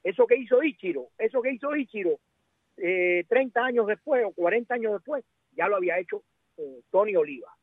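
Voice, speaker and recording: Lively intonation marks this high-voiced Cuban guest commentator, who talks sports casually and a little fast, hammering points and repeating words. No room sound is present, and he's heard over a narrow connection resembling radio or phone.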